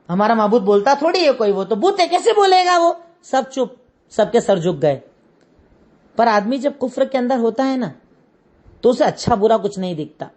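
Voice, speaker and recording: A woman teaching an Islamic lesson, retelling a prophet's story with lively storytelling and rhetorical questions. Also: mid-range voice. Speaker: religious teacher.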